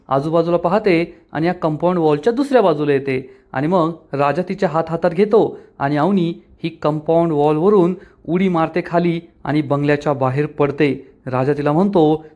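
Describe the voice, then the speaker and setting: A man's voice: on the high side, a little mellow. A man narrating a recap of a TV serial episode, retelling the story with quoted dialogue.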